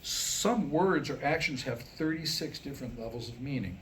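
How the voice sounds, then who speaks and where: Reading his own comic script to a small live audience, a man speaks in a wry, mock-scholarly tone and poses rhetorical questions. His mid-range voice is expressive and fairly bright, his pace moderate. The low-quality recording carries a little hiss or hum.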